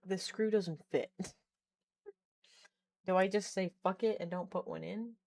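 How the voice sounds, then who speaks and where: On a casual home live stream, a woman in her thirties fiddles with a keyboard, reads chat out loud and laughs often. She has a mid-range, creaky, somewhat dark voice with fairly even intonation and a measured pace.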